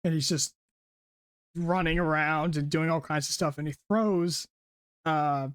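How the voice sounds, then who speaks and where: Podcast host, male, eager and rambling, slightly high voice, dry close recording. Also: measured pace, clean tone, no room sound. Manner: excited, rambling retelling with restarts. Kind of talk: casual storytelling recap.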